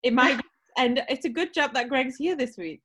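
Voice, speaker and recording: A woman's voice: sits high, moderate pace, fairly bright tone, slightly rough. Woman, casual podcast chat, laughs a lot, reads letters. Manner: chatty, laughs often, reads listener letters. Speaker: advice podcast co-host.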